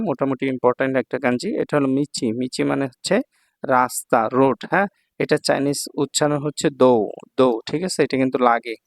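Patient male kanji teacher, gravelly voice. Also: medium pitch, dry recording. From Bangladesh. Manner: patient, repeats words and checks with "thik ache". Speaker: Japanese language teacher. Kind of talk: online kanji lesson.

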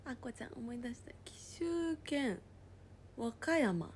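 A woman casually chatting on a livestream, reading viewer comments aloud and often dropping into a soft whisper. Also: fairly high pitch, expressive, slow pace, slight background noise. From Japan.

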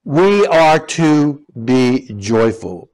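A man preaching a sermon as pastor, slow and emphatic, repeating key words with rising stress. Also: medium pitch, big pitch swings, darkish tone, rough recording. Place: church.

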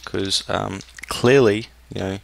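A young man talks through his game in a low, gravelly voice. He mutters and thinks aloud in a relaxed running commentary, close to a desk mic with a faint hiss behind him. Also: slow. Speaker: gameplay commentator. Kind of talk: casual let's-play commentary.

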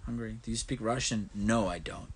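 Speaking in a lowish voice at normal speed with fairly even intonation, this young livestream host from Mexico chats casually on his phone. He takes viewer comments in turns, reading each out and responding, mixing Spanish and English. There's a little hiss or hum.

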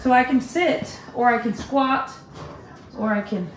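With a fairly high, unhurried voice, a woman in her thirties talks casually to the camera as she vlogs from her kitchen and other rooms at home. She thinks out loud, using everyday, mildly sweary phrasing, in echoey rooms with clear background noise.

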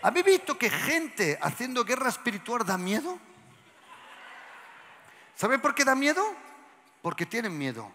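A pastor preaching to his congregation, moving hushed whispers to shouts and asking the crowd questions. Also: very high-pitched, big pitch swings, unhurried, pauses often. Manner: asks the congregation questions and has them repeat lines. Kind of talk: lively sermon to a congregation. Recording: church hall with long reverb.

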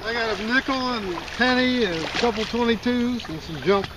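A man's voice: very high voice, moderate pace, background noise. A man, a fellow metal detectorist, talking casually and matter-of-factly outdoors on a beach. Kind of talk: casual chat.

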